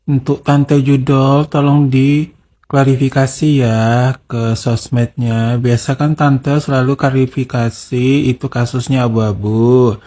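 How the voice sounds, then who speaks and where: A man's voice: mid-range voice, little pitch movement, takes it slowly, dark tone. A man hosts a channel, giving casual, sarcastic commentary and teasing his viewers as he coaxes them to respond. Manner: teasing, sarcastic, coaxing the audience.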